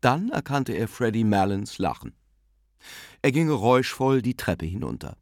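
Male audiobook narrator, mid-pitched, expressive and varied, close studio mic, dry. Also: moderate pace, dry recording. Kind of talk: scripted narration.

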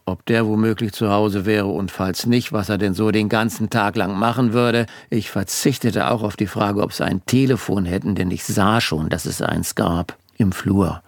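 Man reading a story, low creaky voice, dry studio sound, wry tone. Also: no echo. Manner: dry, wry first-person narration. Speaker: narrator. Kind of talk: audiobook storytelling. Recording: dry close studio recording.

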